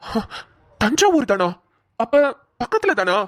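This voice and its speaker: A woman's voice: on the high side, sing-song, measured pace. A woman voicing a caring young policeman. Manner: reassuring, protective. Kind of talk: cartoon voice acting.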